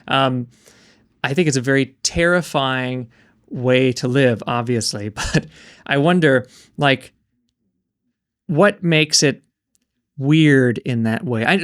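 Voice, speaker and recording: A man co-hosting a casual book discussion. He thinks aloud in a questioning way, with hesitant ums and uhs, at a middle pitch. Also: dry recording, studio quality. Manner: thoughtful, questioning, with hesitant fillers. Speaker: book podcast co-host.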